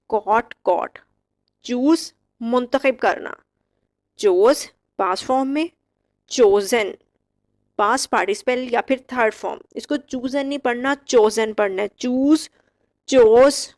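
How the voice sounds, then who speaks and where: A woman teaching English verb forms, reciting each word slowly and clearly with short explanations. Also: a little high. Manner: slow, drilled word-by-word recitation. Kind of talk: vocabulary lesson.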